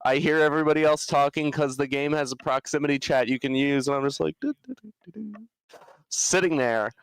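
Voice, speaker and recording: A man's voice: medium pitch, fairly even intonation, fast talker, clean tone, no echo, low-quality recording. A young man co-hosting a podcast, telling a story casually, laughing often and swearing freely. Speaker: podcast co-host. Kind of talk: casual chat.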